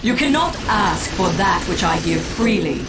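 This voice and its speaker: A woman's voice: medium pitch, lively intonation, a little slow, close to an everyday voice. A woman playing a proud alien seer in a video game, speaking in formal, cryptic, coldly foreboding prophecy. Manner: portentous, formal prophetic phrasing. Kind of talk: scripted video game unit voice lines. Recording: game audio under loud music.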